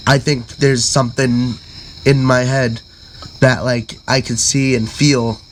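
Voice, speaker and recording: A man's voice: mid-range voice, flat delivery, takes it slowly, a little hiss or hum. Rambling young man telling a story. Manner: rambling storyteller, many fillers. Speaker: podcast co-host. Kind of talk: casual chat.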